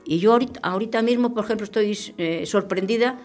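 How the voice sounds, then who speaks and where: A woman's voice: medium pitch, quick pace, a little mellow, faint music behind. An older woman, a missionary nun, speaking earnestly and unhurriedly in a radio interview, often repeating herself as she thinks. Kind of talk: radio interview, reflective testimony. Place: radio studio.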